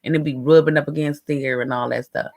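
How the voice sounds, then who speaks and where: A middle-aged woman talks straight to her viewers in a candid, chatty vlog. Her voice sits a little low and has a gravelly rasp. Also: fairly even intonation, fairly quick, darkish tone. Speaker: lifestyle vlogger. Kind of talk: casual chat while doing makeup.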